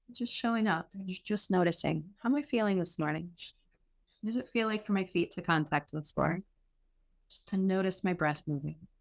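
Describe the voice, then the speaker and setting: A woman meditation teacher gives gentle guided instruction in a fairly low voice. She speaks soothingly and without hurry, pausing between short phrases.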